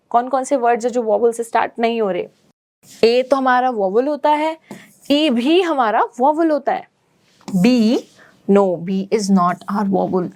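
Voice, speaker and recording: A woman's voice: a little high, darkish tone, no room sound. A woman teacher with an Indian English accent leads a children's phonics lesson. She mixes Hindi and English and spells words out letter by letter before saying each one. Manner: spells words letter by letter, then says them.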